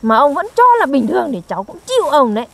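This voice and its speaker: A woman's voice: sits high, sing-song, fast, gravelly. A young woman, performing in a scripted comedy skit and teasing and scolding her partner in an exaggerated way. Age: young adult. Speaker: comic actor.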